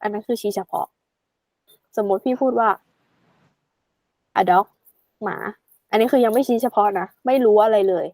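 A woman tutoring a student in a casual, chatty way, addressing the learner affectionately and slowing right down to spell out English examples. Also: mid-range voice, warm tone, no room sound.

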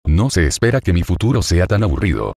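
A man voicing a confident young ninja hero in a web novel reading, relaxed and self-assured. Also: deep voice, fairly quick, vocal fry, dry recording, clean studio sound, exaggerated voice.

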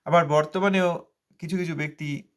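A man's voice: on the high side, fairly even intonation, normal speed. A man giving a devotional sermon as a spiritual teacher, stressing points by repeating them and answering his own rhetorical questions. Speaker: spiritual teacher expounding scripture.

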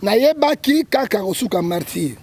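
A man's voice: sits high, lively intonation, moderate pace, husky. A man with a Congolese accent, a prophet guest giving emphatic political commentary in an interview, often checking in with his listener and quoting scripture. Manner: emphatic, keeps checking with "hein?", quotes scripture.

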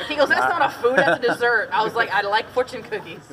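A woman with a slightly high voice works as a cave boat tour guide on an underground lake, talkative and giggly as she jokes and tells stories. Originally from Detroit, Michigan, she was partly raised in Tennessee. The clip comes from a passenger's camera some way off, with people chattering around.

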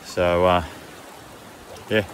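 A low-pitched middle-aged man vlogs on a phone held at arm's length. He talks casually and slangily in a laid-back way. Water splashes clearly behind him in an outdoor rocky canyon. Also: flat delivery, very slow, noisy background. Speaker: vlogger. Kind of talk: casual chat to camera. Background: splashing, running water.

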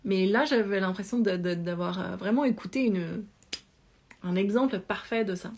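A woman's voice: mid-range voice, moderate pace. Woman in her thirties, yoga coach telling her life story at home into a close camera, chatty, lots of fillers and restarts. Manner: chatty, animated hand gestures, many fillers and restarts. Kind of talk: casual personal storytelling. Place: small indoor room at home. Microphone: phone or webcam close to face.

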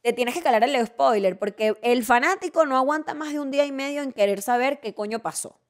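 A woman with a Venezuelan accent, hosting a casual monologue, talking in an animated, opinionated way and rambling through asides and restarts. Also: high voice, brisk. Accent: Venezuelan Spanish. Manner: animated, opinionated and playfully ranting; chatty with frequent restarts and asides. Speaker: podcast host.

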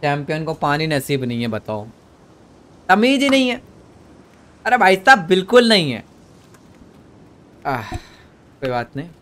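A young man with a fairly high voice streams a horror game at home into a desk mic. He jokes and trash-talks in a mix of Hindi and English, and shouts at the on-screen character. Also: expressive, unhurried, long pauses. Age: young adult. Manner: joking, switching between Hindi and English, yelling at the game character. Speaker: gaming streamer. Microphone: desk microphone.

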